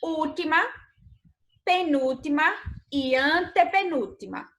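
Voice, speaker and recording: A Brazilian woman with a Brazilian Portuguese accent, a primary school teacher giving a recorded remote lesson, patient, stretching key words slowly and asking her pupils questions. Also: sits high, animated, fairly bright tone.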